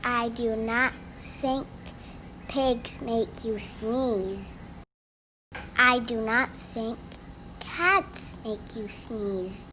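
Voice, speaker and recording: A reader voicing a calm, matter-of-fact cat doctor in a storybook, measured and reassuring. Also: mid-range voice, a little hiss or hum, low-quality recording.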